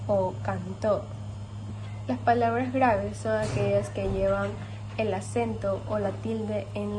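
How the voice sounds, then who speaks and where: A woman's voice: mid-range voice, background noise. A woman giving a student presentation on grammar, explaining steadily with a few fillers.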